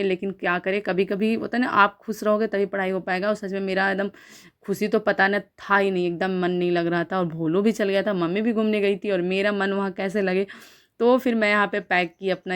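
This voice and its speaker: A young woman from Bihar talks through her day in a casual vlog voice-over. Her speech is chatty and loose, full of fillers and restarts, pitched in the middle for a woman. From Bihar, India. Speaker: vlogger.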